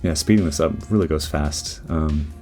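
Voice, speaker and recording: A man giving relaxed, rambling voice-over commentary on his 3D modeling timelapse, with lots of fillers and restarts. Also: a bass voice, moderate pace. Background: faint background music.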